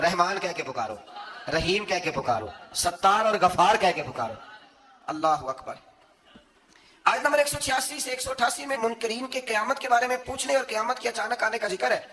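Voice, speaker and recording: A man delivering a sermon. He tells stories and laughs lightly as he goes, weaving in recited verses and couplets. His tone stays unhurried and conversational. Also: high-pitched, sharp tone. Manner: storytelling with frequent chuckles. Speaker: preacher.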